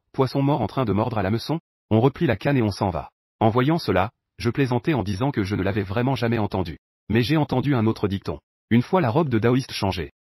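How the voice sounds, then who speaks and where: A man reading a comic recap aloud as scripted first-person narration in an even storytelling manner. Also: medium pitch, slightly rough, no room sound, clean studio sound.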